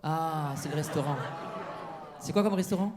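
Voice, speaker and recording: A man's voice: on the high side, moderate pace. A man doing stand-up crowd work on a comedy club stage, teasing the audience with mock-outraged banter. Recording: live show with crowd laughter.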